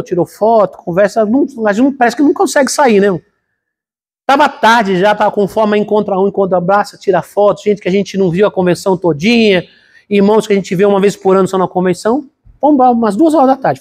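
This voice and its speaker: Calling the congregation brothers, this Brazilian pastor in middle age weaves a personal anecdote into a conversational sermon. His voice is high-pitched and a little mellow, carries a Brazilian Portuguese accent, and sounds congested from a cold.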